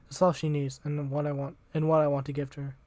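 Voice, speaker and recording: A man's voice: fairly high pitch, level tone, quick pace, warm tone, dry recording. A young man reading a visual novel aloud as the channel host, casual and slangy, tripping over words now and then.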